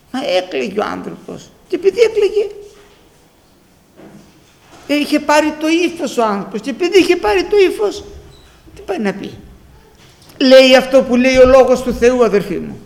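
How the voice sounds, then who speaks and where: A man preaching a sermon, telling stories with quoted exchanges and swinging from hushed asides to loud emphasis. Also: extremely high pitch, sing-song, gravelly, pauses often.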